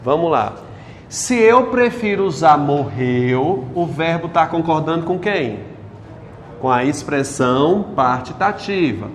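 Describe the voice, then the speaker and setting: A man's voice: a little high, animated, takes it slowly, in a large hall, a little hiss or hum. A male teacher lectures a class on grammar, quizzing the students with questions as he goes.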